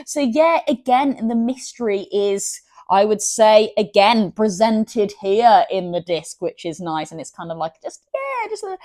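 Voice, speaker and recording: A woman's voice: medium pitch, darkish tone, no room sound, clean studio sound. A woman hosting a gaming channel, chatting enthusiastically about box art and often stumbling over her words. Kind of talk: casual unboxing commentary.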